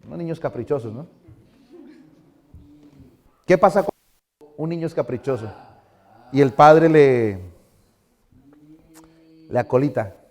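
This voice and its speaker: A man's voice: mid-range voice, takes it slowly, long pauses, darkish tone. A middle-aged male pastor giving a conversational sermon in a church, asking the congregation questions.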